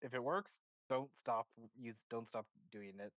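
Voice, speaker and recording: A man's voice: mid-range voice, unhurried, dry recording, dull audio. A man running an online tabletop game as game master. He stops and restarts his sentences while he recaps.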